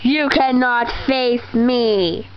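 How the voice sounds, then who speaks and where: A young performer playing a villainous guard of a master, speaking with slow, drawn-out theatrical menace in an amateur cartoon episode. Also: mid-range voice, pitched below the performer's own voice. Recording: dull lo-fi home recording, noisy background.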